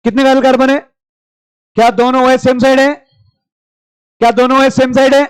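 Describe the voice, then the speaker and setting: Brief: male chemistry teacher, very high smooth voice, drills class with repeated questions, dry close sound. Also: little pitch movement, no room sound, rough recording. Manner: quizzing students with rapid repeated questions; familiar, addresses class as brother. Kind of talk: classroom lecture.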